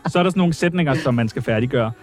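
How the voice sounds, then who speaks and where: A man hosting a podcast, teasing and reading quick prompts to his guest. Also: medium pitch, expressive, music in the background. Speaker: host. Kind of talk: casual chat.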